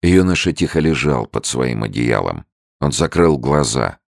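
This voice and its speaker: Very deep, gravelly male narrator. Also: a little slow, dry recording, studio quality. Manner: expressive reading. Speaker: audiobook narrator. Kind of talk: scripted narration.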